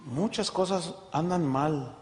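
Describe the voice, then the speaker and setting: Male pastor, high voice, emphatic sermon delivery with loud-soft swings, hall reverb. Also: takes it slowly, slight background noise. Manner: emphatic, swings between loud scripture reading and soft asides.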